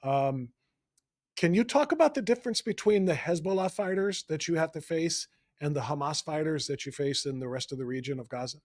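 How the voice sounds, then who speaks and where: A man's voice: a little high, animated, fairly quick, a little mellow, no echo, studio quality. A man hosting an interview, asking long, winding questions. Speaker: host.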